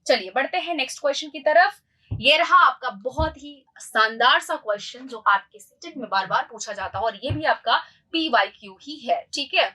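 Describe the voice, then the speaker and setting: A woman's voice: sits high, lively intonation, normal speed, sharp tone, low-quality recording. A woman teaching an exam-prep lesson online, going through quiz questions step by step and checking in with her students. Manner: explains step by step, checks in with "ठीक है".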